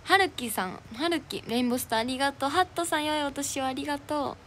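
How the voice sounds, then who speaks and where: On a noisy livestream, a young idol streamer with a Kansai accent chats casually, cheerfully reading out viewers' comments and gifts and thanking them. Her voice is high-pitched, quick, and a bit bright.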